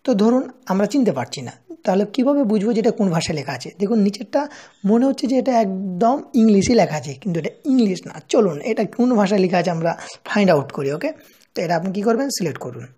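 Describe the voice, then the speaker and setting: A woman's voice: mid-range voice, expressive, fast talker, mellow, slightly rough. A woman hosting a screen-recorded app tutorial, walking through each step and often checking in with the listener. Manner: step-by-step, checks in with rhetorical questions. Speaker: tutorial host.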